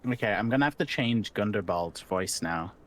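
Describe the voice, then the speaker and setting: A man's voice: on the low side, expressive, normal speed. A man chatting casually as a streamer who voices game characters.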